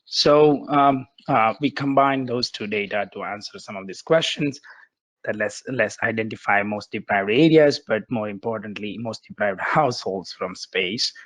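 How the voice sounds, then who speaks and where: A man with a bad cold and a muffled, congested voice, giving a halting, explanatory research presentation on a webinar. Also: fairly low pitch, fairly bright tone, no room sound.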